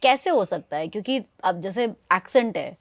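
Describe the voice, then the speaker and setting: A woman's voice: medium pitch, animated, moderate pace, dry recording. A woman interviewing a guest on a talk show, asking thoughtful questions and mixing in English phrases. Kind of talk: casual interview.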